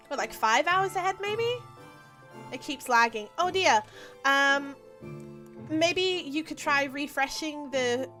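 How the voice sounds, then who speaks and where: A young Australian woman with a high, slightly bright voice chats casually while streaming a game. She's talkative, full of ums and restarts, and laughs easily as she plays.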